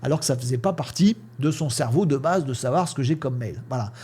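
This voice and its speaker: A man giving a casual, chatty lesson on how AI prompting works, talking in a lively way with many fillers and playful sound words. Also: medium pitch, quick pace, husky. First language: French. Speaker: teacher explaining AI prompting. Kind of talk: casual spoken lesson with screen demo.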